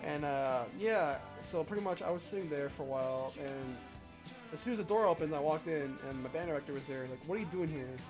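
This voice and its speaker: A man's voice: on the high side, brisk, music in the background. A young man streaming while he draws, rambling casually and swearing, often mocking himself. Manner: rambling, profane, self-deprecating.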